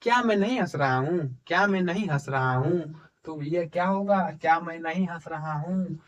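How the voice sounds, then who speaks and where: A man teaching English grammar in with a tinge, dictating examples slowly and checking in with his students. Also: on the high side, distant mic, muffled recording. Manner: slow dictation of example sentences, frequent "ठीक है" and rhetorical questions. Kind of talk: explaining a grammar lesson in Hindi.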